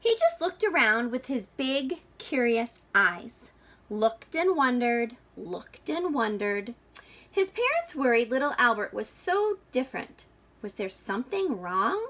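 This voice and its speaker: Her fairly high-pitched voice carries a teacher's style as she reads a children's picture book aloud. The phrasing is deliberate, expressive and dramatic, suited to young listeners.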